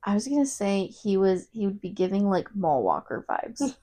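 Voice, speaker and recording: A woman co-hosting a casual book review chat, retelling the story in an animated way and saying "like" constantly. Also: mid-range voice, normal speed. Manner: animated retelling, heavy use of "like". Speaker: podcast co-host.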